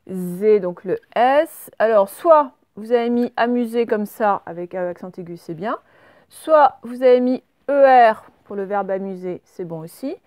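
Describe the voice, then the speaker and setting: A woman teacher leading a remote handwriting and dictation lesson, slowly spelling words out letter by letter. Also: medium pitch, darkish tone, no room sound. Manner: slow, spells out letters step by step. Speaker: primary school teacher.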